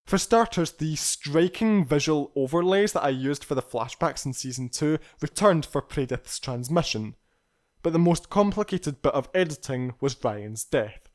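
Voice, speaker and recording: In a scripted look back at his personal journey as a video creator, a man speaks candidly and thoughtfully, choosing his words articulately. His voice sits in the mid range.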